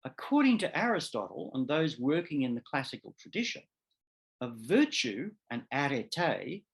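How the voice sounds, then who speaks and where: A middle-aged man, a law professor, giving an academic seminar lecture in a deliberate, emphatic way that often restates and corrects itself mid-phrase. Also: medium pitch, big pitch swings, creaky.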